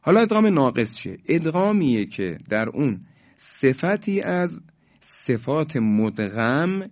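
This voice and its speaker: A man's voice: medium pitch, a little mellow. A man teaching tajwid, the rules of Quran recitation, explaining patiently step by step and stretching out the sounds he demonstrates. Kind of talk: tajwid lesson. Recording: slightly dull, lo-fi.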